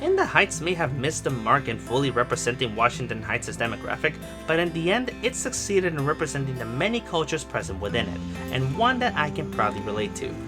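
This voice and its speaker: Here a Puerto Rican film critic talks fast with few pauses, his medium-pitched voice taking on a sing-song lilt. His review is casual, scripted, peppered with profanity and strongly opinionated, set over background music.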